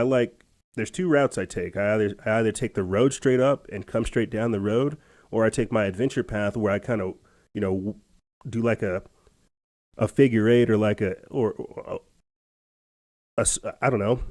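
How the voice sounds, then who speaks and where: A man's voice: on the low side, mellow. A man hosting a podcast, telling a casual story in a rambling, chatty way with lots of fillers and restarts. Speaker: podcast host.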